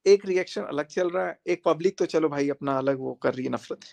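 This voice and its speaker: Guy ranting on a live stream, kinda high voice, keeps repeating himself, calling someone out. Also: brisk, vocal fry, a little mellow. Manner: confrontational, repetitive, addressing viewers directly. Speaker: livestreamer.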